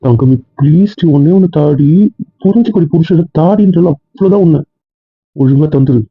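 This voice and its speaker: A man playing a jealous, short-tempered young husband on a phone call, talking in a demanding, nagging way with a husky voice. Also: fairly high pitch, normal speed. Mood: pleading. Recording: tinny phone line.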